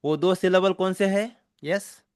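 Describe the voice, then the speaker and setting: Indian guy teaching english, mixes in hindi, slow and patient, kinda high voice, dry close sound. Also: steady tone, darkish tone, smooth, no room sound. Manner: explains slowly, mixes Hindi and English, keeps checking understanding. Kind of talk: spoken English class.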